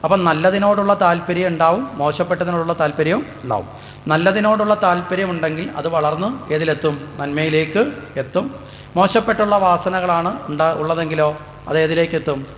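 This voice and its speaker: A man's voice: on the high side, moderate pace, a bit bright. A man from Kerala, India, giving a devotional discourse, telling stories and asking the listeners rhetorical questions. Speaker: Bhagavatam discourse speaker. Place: temple hall. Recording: echoey hall with faint hum.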